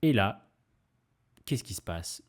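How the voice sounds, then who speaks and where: A young man hosts a podcast, casually telling a personal story in a lowish voice with lively intonation and a slow pace. He rambles, using fillers, restarting sentences and swearing mildly.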